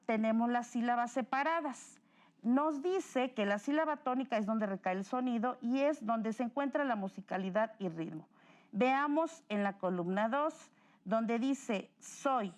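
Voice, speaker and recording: Mexican accent, woman, teacher, recorded lesson, patient, self-correcting, slightly high pitch.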